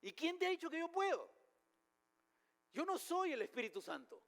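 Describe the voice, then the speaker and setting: High, lively-voiced male preacher. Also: moderate pace, big-room sound. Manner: rhetorical questions, emphatic preaching. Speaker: pastor. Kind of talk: sermon. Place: church hall.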